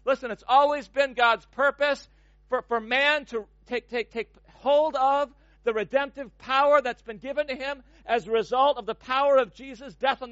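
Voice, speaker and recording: A man with a very high voice preaches a sermon, pressing his points with emphasis and repeating words as he gathers speed. The sound is dry and close, but slightly muffled and lo-fi. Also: pushed and bright, no echo. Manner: emphatic, repeats words when building momentum.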